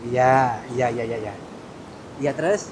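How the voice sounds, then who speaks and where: A man doing hushed ghost-hunting commentary outdoors, nervous and pleading, repeating words over and over. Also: slow pace. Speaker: mystic vlogger. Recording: loud rumbling background noise.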